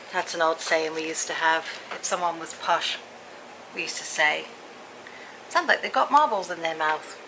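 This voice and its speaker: A middle-aged woman vlogs casually in a lowish, crackly voice. She rambles from one small anecdote to another, speaking to her viewers as she goes. There is clear background noise in the recording. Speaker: vlogger. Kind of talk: casual chatty vlog to viewers.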